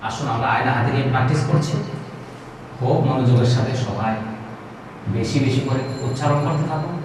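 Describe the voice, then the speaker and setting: A man's voice: mid-range voice, a little fast, very echoey, recorded from a distance, background noise. A man teaching Quran pronunciation in a patient lesson, drawing out each letter in long sung calls.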